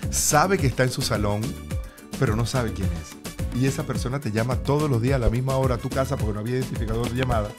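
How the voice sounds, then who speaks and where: Rambling Venezuelan man, soft music behind. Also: mid-range voice, fast talker. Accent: Venezuelan Spanish. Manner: rambling, many fillers and restarts. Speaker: co-host. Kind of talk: casual chat.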